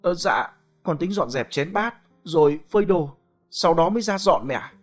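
A man voicing a meek young daughter-in-law who answers in a hurried, stammering, deferential way. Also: lowish voice, lively intonation, soft background music, pitched above the performer's own voice. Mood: anxious.

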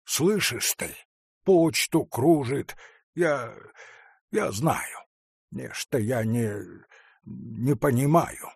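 Male reader puts on a scared, grumbling sexton with a husky, slow mutter for a storybook. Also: medium pitch, lively intonation, no echo, studio quality, exaggerated voice. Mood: accusing. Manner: hoarse, grumbling, tearful accusing mutter. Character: frightened superstitious village sexton, middle-aged man.

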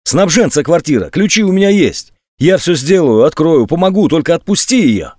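A man's voice: mid-range voice, big pitch swings, normal speed, a little mellow, no echo. A man voicing a frightened young teenage boy who pleads desperately. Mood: pleading. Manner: pleading, breathless with fear.

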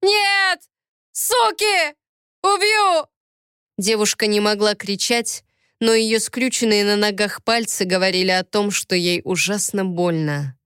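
A woman reading a story aloud as narrator, in a steady, even manner. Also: mid-range voice, moderate pace, clear, resonant tone, no echo, studio quality. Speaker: audiobook narrator. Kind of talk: scripted narration.

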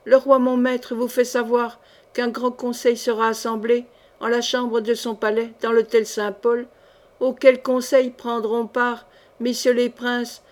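A woman's voice: on the high side, a little mellow, lightly acted. A woman voicing a solemn royal herald who gives a ceremonious, formal summons in an audiobook.

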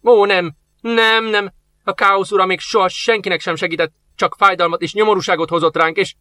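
A man voicing a frightened old male embalmer who pleads in a high, anxious voice. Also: sing-song, sharp tone, no echo, exaggerated voice.

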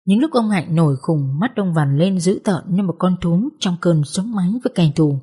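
Audiobook narrator, female, measured dramatic reading, lowish mellow voice. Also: expressive, breathy edge. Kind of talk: scripted narration.

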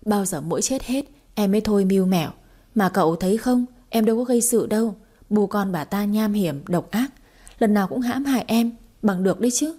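A woman reading aloud and voicing a sharp-tongued, scheming young wife who teases in singsong rhymes. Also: medium pitch, brisk, lightly acted. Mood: pert.

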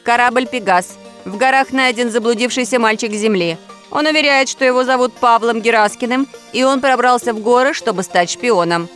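A woman's voice: fairly high pitch, fairly quick, fairly bright tone, faint music behind, pitched above the performer's own voice, close to an everyday voice. A woman voicing a male spaceport dispatcher who makes a formal, emphatic announcement in a storybook reading. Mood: announcing. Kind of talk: audiobook character voice.

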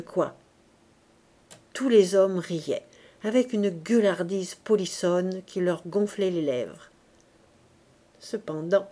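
A woman reading a classic novel aloud as an audiobook, with measured, expressive narration. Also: fairly low pitch. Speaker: audiobook reader.

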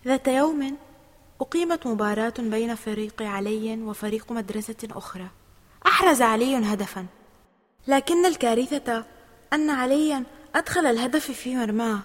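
A woman's voice: fairly high pitch, normal speed. Woman narrating a children's story, echoey. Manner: expressive, steady reading.

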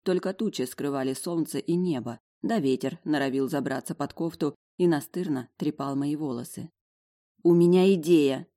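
A woman narrating a first-person fantasy audiobook in a steady, expressive reading. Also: sits low, normal speed, few pauses. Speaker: audiobook reader.

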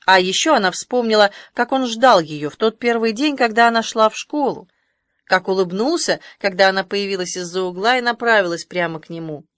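A woman reading a novel aloud as an audiobook narrator, measured and expressive, recorded close to the mic. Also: medium pitch, dry recording. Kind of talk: scripted narration.

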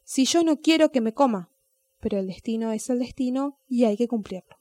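A crafty, patient old male snail, as a woman puts him on in a storybook reading. He coaxes and lectures in a raised, fairly high voice. The sound is dry and close. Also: animated, a little fast, warm tone, no echo, close to an everyday voice. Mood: insistent.

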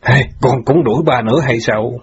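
Man playing a husky, bitter jilted husband. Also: medium pitch, pitched above the performer's own voice. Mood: grieving. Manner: reproachful, pleading, quick to anger. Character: bitter grieving ex-bandit husband, middle-aged. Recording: dull lo-fi audio.

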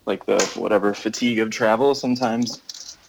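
A man's voice: fairly low pitch, moderate pace, gravelly, a little hiss or hum, rough recording. An American man, a touring musician, talking casually and thinking aloud during a phone interview. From United States. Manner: rambling, relaxed, thinking aloud.

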